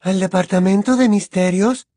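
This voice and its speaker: A woman voicing an odd, dreamy teenage girl witch who speaks with calm detachment. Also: medium pitch, a little slow, no echo, clean studio sound, voice pushed down, close to an everyday voice. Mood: serene, dreamy.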